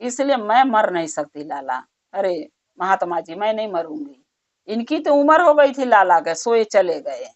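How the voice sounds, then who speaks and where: A woman voicing a merchant's wife who laments loudly over her husband, speaking in plain village speech. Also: mid-range voice, sing-song, a little slow. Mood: lamenting. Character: wailing middle-aged merchant's wife, selfish. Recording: dull lo-fi recording.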